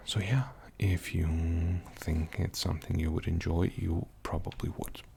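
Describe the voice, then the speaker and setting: A young man whispering softly in an ASMR video, rambling casually with many fillers. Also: sits low, little pitch movement, unhurried, gravelly, a little hiss or hum. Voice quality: mostly unvoiced whisper. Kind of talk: whispered ASMR game show-and-tell.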